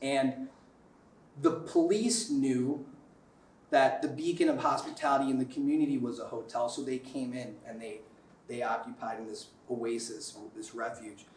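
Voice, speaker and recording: A man's voice: medium pitch, fairly even intonation, moderate pace. A man giving a keynote speech to students, telling a story in an earnest, reflective way and often restarting his sentences. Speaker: keynote speaker. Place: lecture room. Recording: echoey room from far off.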